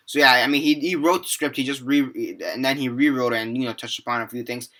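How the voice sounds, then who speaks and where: A fast-talking seventeen-year-old with a medium-pitched voice, steady yet sharp in tone, delivers a rambling, relaxed movie review. It is full of fillers and restarts, with a swear word now and again.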